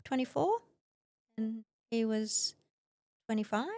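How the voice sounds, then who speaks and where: A woman's voice: fairly high pitch, slow pace, dry recording. Australian woman telling a personal story. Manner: animated, acts out quoted voices, laughs often. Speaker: podcast guest. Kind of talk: conversational storytelling.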